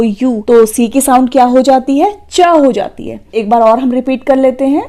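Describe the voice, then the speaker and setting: A woman teaches phonics to children at a deliberate, unhurried pace. Her voice is mellow and slightly high, and she spells each word out letter by letter before asking and answering her own questions. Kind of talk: kids' phonics lesson.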